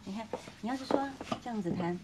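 A piano teacher from China coaches a student in a masterclass, singing melodies and humming phrases as she explains. Her voice is medium-pitched and quick, with heavy background noise and piano playing in the background.

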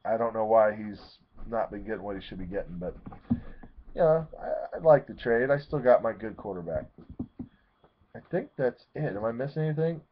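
Man, 30s, excitable rambling league recap, tinny lo-fi webcam sound. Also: on the low side, normal speed, slight background noise. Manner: rambling, excitable, self-correcting. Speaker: fantasy football league commissioner. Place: small room at home, seated in a leather chair. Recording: tinny, phone-like webcam audio.

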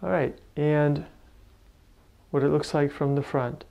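A middle-aged man teaching tai chi, giving serene step-by-step movement cues in short, measured phrases. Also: on the high side, fairly even intonation, gravelly, mellow. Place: small bare carpeted room indoors.

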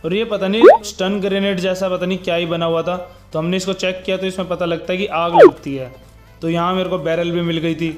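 A man's voice: high-pitched, steady tone, fairly quick, a little mellow, faint music behind. A young man giving casual, chatty voice-over commentary on his gameplay as a gaming YouTuber, talking straight to his viewers. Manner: chatty, keeps saying "guys" and "bhai" to viewers.

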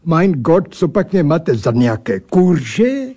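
A man voicing a rude, boozy male creature made of barrels and bottles, talking slowly and boomingly in mangled speech sprinkled with German words. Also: sing-song, mellow. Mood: gruff mocking.

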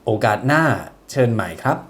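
A man with a Thai accent teaching English customer-service phrases in an online lesson, saying the English slowly and explaining quickly in Thai.

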